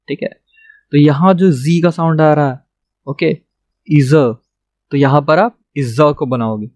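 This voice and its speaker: A man's voice: fairly high pitch, darkish tone, no echo, clean studio sound. A young man patiently teaching a shorthand lesson, checking in with "theek hai" after each point. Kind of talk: classroom lesson.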